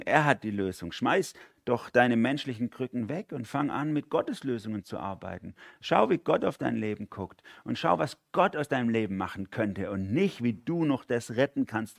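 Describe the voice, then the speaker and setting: A man preaching a sermon in an animated way, moving between loud emphasis and quiet intensity and often asking listeners to agree with him. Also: lowish voice, gravelly, no echo, clean studio sound. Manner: asks listeners for agreement with a spoken tag.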